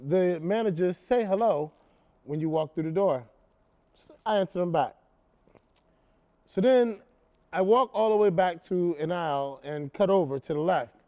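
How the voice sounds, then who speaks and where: An actor performing a stage monologue, playing a man who retells a tense encounter in an animated, emphatic way and then turns into a brash, sarcastic talk show host. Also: high-pitched, normal speed, pauses often, lo-fi sound. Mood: indignant storytelling. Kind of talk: theatrical monologue, stand-up-like storytelling.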